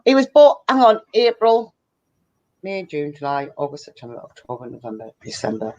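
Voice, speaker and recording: A woman's voice: low-pitched, very animated, moderate pace, darkish tone, dry recording. A woman from England chatting casually with friends, blunt and teasing. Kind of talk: casual chat. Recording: dull, dry lo-fi audio.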